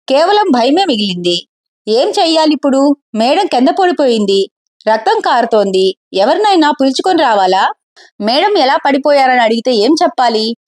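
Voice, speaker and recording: Expressive woman storyteller. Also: a little high. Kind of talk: scripted narration.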